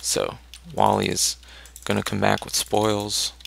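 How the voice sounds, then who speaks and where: A man with a fairly low, gravelly, sing-song voice takes it slowly while casually commenting on his gameplay as a let's play gamer, thinking aloud and encouraging his character. Loud keyboard clicks and typing sound throughout the noisy home recording.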